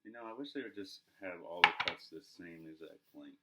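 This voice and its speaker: A man's voice: deep voice, brisk. A man in his twenties casually reviewing in conversation, speech slightly muffled by a lip full of dip. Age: 20s. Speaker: product reviewer. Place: small living room, indoors. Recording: dull sound with clear background noise.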